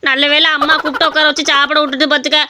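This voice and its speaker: A woman's voice: high-pitched, level tone, racing, background noise, voice pushed down, lightly acted. A woman putting on a sly young village son. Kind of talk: cartoon voice acting.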